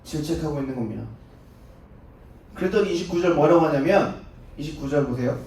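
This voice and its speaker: A man's voice: a little high, brisk, darkish tone. A male youth pastor preaching a sermon in a church, emphatic and repeating his key points. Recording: echoey church hall, distant mic.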